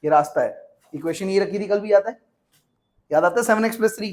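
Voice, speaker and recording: A man's voice: sits high, fairly quick, a little mellow. A man teaching a classroom lecture, repeating his points and mixing English terms into his talk.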